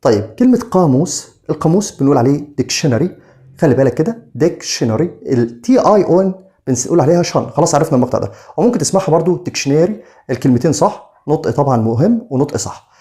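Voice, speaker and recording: Fast, lively Egyptian teacher man. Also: on the high side. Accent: Egyptian Arabic. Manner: slows down to spell out English words slowly. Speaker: English teacher. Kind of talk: vocabulary lesson for pupils.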